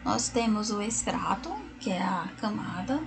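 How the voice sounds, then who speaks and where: A woman's voice: medium pitch, unhurried, vocal fry, noisy background. A Brazilian woman teaching a recorded class, explaining word by word and often checking in with tag questions. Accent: Brazilian Portuguese.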